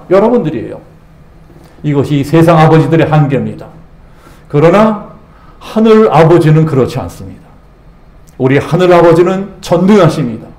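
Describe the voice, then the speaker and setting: In an echoing sanctuary, a male senior pastor gives his Sunday sermon with forceful delivery and rhetorical questions for the congregation. His voice leans high and mellow.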